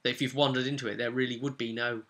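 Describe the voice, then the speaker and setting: Talking quickly in a mid-range voice, this game master and video host rambles casually while recapping a tabletop session, with animated, emphatic repetition and rhetorical asides.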